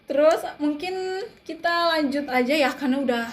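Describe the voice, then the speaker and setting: Talking straight to her audience, this young woman on student radio has a high-pitched voice and a normal pace, often saying her phrases twice. The casual chat comes through clearly, with room ambience and some background noise.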